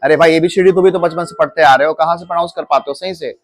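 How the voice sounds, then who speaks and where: A man's voice: fairly high pitch, steady tone, fast. A man teaching pronunciation to a class in a coaching classroom, asking questions and repeating them, calling the students "beta". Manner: repeats his own questions to drill the class.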